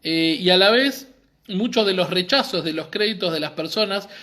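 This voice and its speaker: A man's voice: high voice, moderate pace, pushed and bright. A man with an Argentine accent giving an earnest, explanatory live-streamed talk, often checking in with his listeners. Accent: Argentine Spanish. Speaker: community library speaker.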